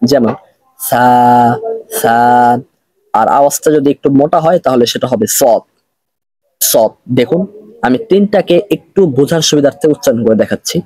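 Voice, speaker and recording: A man's voice: medium pitch, animated, normal speed, warm tone, breathy edge, no room sound. A man with a Bangladeshi accent teaching Arabic reading, spelling out letters one by one and repeating each drill. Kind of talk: slow recitation lesson.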